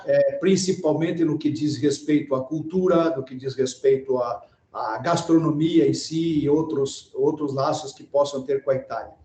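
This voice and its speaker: A man's voice: medium pitch, fairly even intonation, moderate pace, dark tone. A man born in Italy answering in a panel discussion, wordy, rephrasing and adding tag questions. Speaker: panel guest. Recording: echoey room sound.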